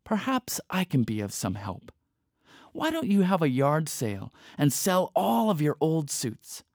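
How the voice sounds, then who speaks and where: A man voicing a devious female raven in a storybook tale, talking with smooth, scheming politeness. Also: on the high side, wildly swooping pitch, measured pace, a little mellow, dry recording, clean studio sound, full character voice. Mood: sly.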